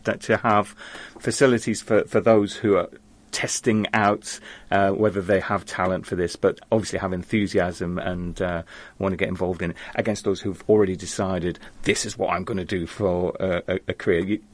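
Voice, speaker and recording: Low-voiced male host, halting questions. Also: steady tone. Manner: hesitant, repeats words while forming questions. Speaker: interview host. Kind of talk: conversational interview.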